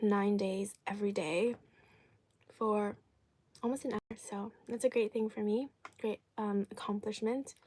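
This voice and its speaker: A woman's voice: medium pitch, darkish tone, slight background noise. Woman chatting casually as she chews. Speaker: live streamer, host of an eating show. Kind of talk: casual live chat while eating, reading viewer comments.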